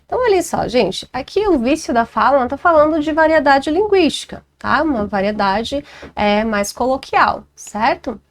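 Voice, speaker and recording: A woman's voice: high voice, animated, normal speed. A woman teacher with a Brazilian Portuguese accent, walking through exam answers and checking in with her students. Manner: chatty, checks in with listeners often. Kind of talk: exam walkthrough lesson.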